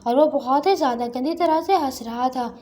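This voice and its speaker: A woman narrating a comic story recap in an even storytelling read, quoting the characters without putting on voices. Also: high-pitched, fairly quick.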